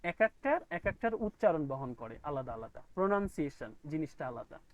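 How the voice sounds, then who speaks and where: A man's voice: a little high, sing-song, brisk, over a noisy crowd, low-quality recording. A man teaching a graphic design class online, explaining step by step and often checking that his students follow. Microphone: video call.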